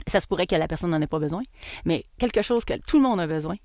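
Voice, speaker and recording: A woman with a Québécois accent, hosting a casual solo podcast in a chatty, animated way and laughing at herself. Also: on the low side, quick pace, no echo, studio quality. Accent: Québécois French. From Quebec. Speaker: podcast host and marketing coach.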